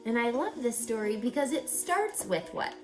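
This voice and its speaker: Soft music plays behind a woman reading a picture book aloud like a teacher. She's high-pitched and sing-song, slow and instructive, with dramatic pauses and questions for the kids.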